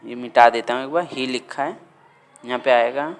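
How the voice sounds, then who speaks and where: A man teaching a grammar lesson, dictating words slowly and repeating them for students to write down. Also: mid-range voice.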